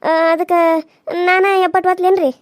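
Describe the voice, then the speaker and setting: A woman's voice: very high voice, little pitch movement, a little fast, no room sound, clean studio sound. A woman voicing an older village aunt, caring and firm, talking steadily and earnestly with a North Karnataka Kannada accent. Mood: worried. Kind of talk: cartoon voice acting.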